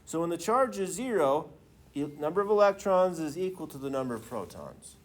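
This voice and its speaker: A man's voice: a little high, very animated, a little fast. A man teaching a class in the manner of a professor lecturing, informal and often checking in with students through questions.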